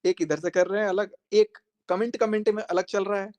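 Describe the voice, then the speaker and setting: A man's voice: high-pitched, fairly even intonation, brisk, a little mellow. A man speaking on a live stream to his viewers, emphatic and confrontational, repeating his points for force. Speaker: social media creator.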